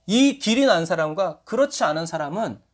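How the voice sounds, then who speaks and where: A man preaches a Sunday sermon in a fairly high, animated voice. His pitch rises and falls widely as he asks his congregation questions. He acts out short quoted scenes along the way. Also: fairly quick. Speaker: pastor.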